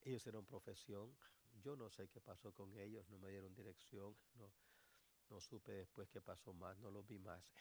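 A man, a pastor, preaching a sermon in a church, moving between quiet storytelling and loud exhortation. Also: normal speed, a little hiss or hum. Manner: swings from low murmur to shouted exhortation. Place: church sanctuary.

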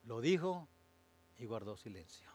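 A male pastor preaching a sermon, moving from measured explanation to slow, emphatic, fervent declarations. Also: medium pitch, very animated, darkish tone, husky.

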